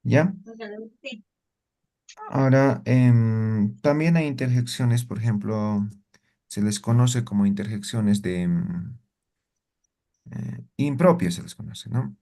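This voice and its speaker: Slow-talking man teaching a language class. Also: medium pitch, mellow. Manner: slow, asks students questions often, tag questions. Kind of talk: interactive class explanation.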